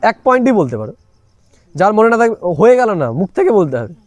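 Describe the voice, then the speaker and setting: High-voiced man urging his class to answer. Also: big pitch swings, fast, no echo. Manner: coaxing, prompts listeners repeatedly to answer. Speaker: spiritual teacher. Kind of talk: leading a spiritual class with questions.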